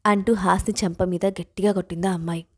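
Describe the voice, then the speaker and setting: A woman storyteller giving an expressive dramatic narration of a suspense story. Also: lowish voice, fast talker.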